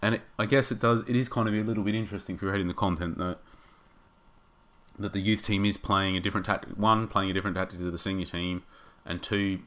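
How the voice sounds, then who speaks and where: A man giving casual game commentary, thinking aloud and rambling with hesitations, his voice getting hoarse. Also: deep voice, fairly even intonation, quick pace, fairly bright tone.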